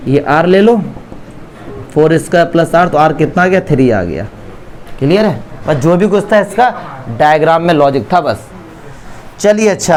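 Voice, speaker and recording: A man's voice: high voice, a little mellow, slight background noise. A man with an Indian accent teaching a maths class, chatty and teasing, who keeps checking that his students follow. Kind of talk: classroom lesson explaining geometry.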